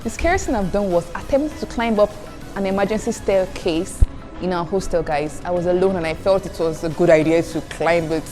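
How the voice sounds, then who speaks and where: Over background music, a chatty young woman from Nigeria, an Igbo speaker by birth, answers viewer questions for her student vlog. She talks briskly in a lowish voice, addressing everyone as "guys" and giggling between responses.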